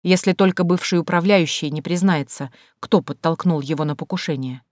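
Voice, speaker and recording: Woman, audiobook narrator, low voice, measured suspense, dry close mic. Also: darkish tone, no echo. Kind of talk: first-person audiobook narration.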